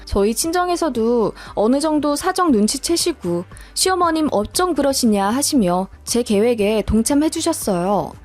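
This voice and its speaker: A woman reading a first-person story aloud in a calm, matter-of-fact storytelling manner. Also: a little high, moderate pace, few pauses, faint music behind. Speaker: story narrator.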